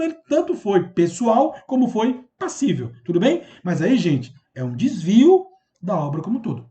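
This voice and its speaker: A Brazilian man teaches a video lesson on poetry, his voice sitting high. He is animated, with pitch that leaps around as he talks right at his students and keeps checking they follow. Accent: Brazilian Portuguese. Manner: animated, addresses students directly with frequent check-ins. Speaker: literature teacher.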